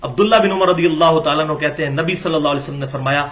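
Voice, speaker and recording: A man delivers a religious lecture in a high voice. His tone is bright and cutting, and he presses his argument with pointed rhetorical questions. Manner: argumentative, rhetorical questions, acts out quoted dialogue.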